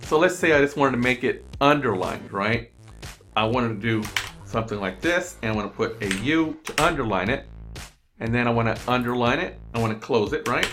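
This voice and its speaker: A man explaining a computer task step by step in a screen-recorded tutorial, repeating himself as he goes, on a desk microphone at his computer. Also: medium pitch. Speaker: online tutorial presenter. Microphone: USB desk microphone.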